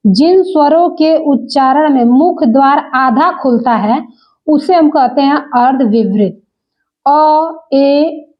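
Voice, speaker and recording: A woman's voice: sits high, lo-fi sound. A woman teaching an exam-prep lesson, repeating each point and calling the viewers friends.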